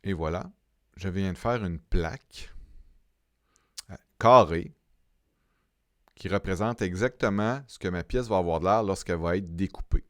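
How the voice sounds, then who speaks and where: A man with a Québécois French accent talking through a software tutorial step by step, halting often with fillers and repeated words. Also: deep voice, no room sound, clean studio sound. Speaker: software instructor. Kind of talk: screen-recorded software tutorial.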